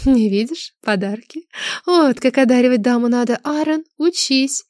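A woman's voice: high-pitched, normal speed, a little mellow, no echo, studio quality, close to an everyday voice. A woman doing a haughty young dragoness. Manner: airy, scornful, dismissive delivery. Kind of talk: audiobook character voice.

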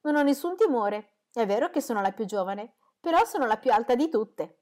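A woman reading aloud, voicing a proud, lively youngest daughter. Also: a little high, very slow. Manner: boastful and bright.

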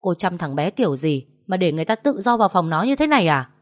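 A woman's voice: lowish voice, very animated, quick pace. A woman voicing a spoiled, scornful rich young wife who scolds shrilly. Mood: furious.

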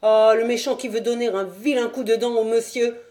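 A woman voicing an irritable old man who keeps animals, who first shouts threats and then turns fussy and polite. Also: fairly high pitch, fairly even intonation, normal speed, pitched above the performer's own voice, natural voice. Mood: fussy, welcoming. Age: over 60.

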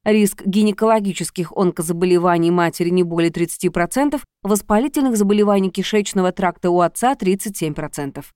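A woman narrates a novel in a measured, even reading voice, slowing down for the listed record entries. Her tone is mellow and warm, and the recording is dry and close, with no room echo. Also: on the low side, smooth. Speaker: audiobook narrator. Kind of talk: scripted narration.

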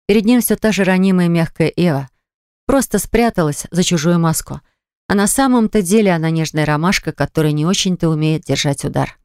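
An audiobook narrator reading scripted prose in an even, measured manner, recorded in a studio. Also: medium pitch, clean tone, dry recording.

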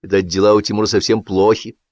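A man's voice: on the low side, little pitch movement, fast, no room sound, dull audio, lightly acted. A man reading an audiobook, voicing a sly, self-serving male writer who talks in a wheedling, mock-pathetic way.

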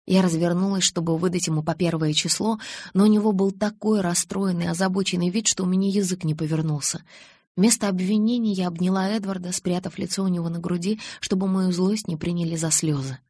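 Woman, audiobook narrator, first-person, measured, husky, dry studio recording. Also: on the low side, fairly even intonation, dark tone, no echo.

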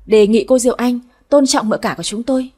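A blunt, loyal young housemaid, as a woman storyteller puts her on in an audiobook tale. She speaks high and clear-cut, with a husky tone. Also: fast, a little mellow, close to an everyday voice.

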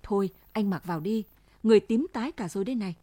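A gentle young villager pleads and reassures, voiced by a woman narrator. The tone is earnest and soothing, close to the mic in a dry, dead space. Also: mid-range voice, fast talker, no room sound, natural voice. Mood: coaxing.

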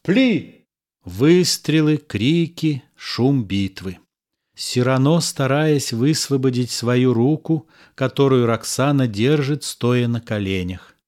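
A man narrating the stage directions of a play in an even, measured reading. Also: mid-range voice.

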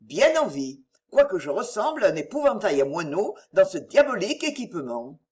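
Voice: medium pitch, sing-song, normal speed, darkish tone, lightly acted. A reader voicing a dashing nobleman who talks in a breezy, teasing, flippant way in an audiobook. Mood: jaunty. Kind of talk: audiobook reading.

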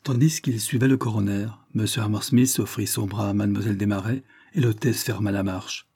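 Low, husky male narrator. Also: steady tone, fairly quick, warm tone. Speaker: audiobook narrator. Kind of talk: scripted narration.

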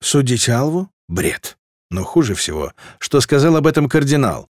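A male narrator reading a fantasy novel aloud, his voice rising and falling freely from line to line. His delivery is dramatic and expressive. The recording is close and dry, with no room sound. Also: medium pitch, moderate pace, no room sound. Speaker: audiobook narrator.

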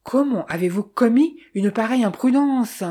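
A woman voicing an earnest, anxious young fiancée in an audiobook dialogue, in a low, husky reading voice. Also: expressive, normal speed, warm tone.

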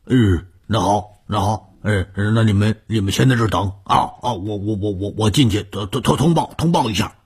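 A man's voice: lowish voice, normal speed, hardly any pauses, darkish tone, breathy edge, voice pushed up. A man doing a stammering old servant. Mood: flustered. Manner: stutters nervously.

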